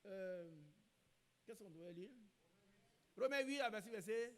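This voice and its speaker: High-voiced preacher, emphatic. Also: male voice, a little slow. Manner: emphatic, repeats key phrases. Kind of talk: sermon. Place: church. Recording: long reverb in a church hall.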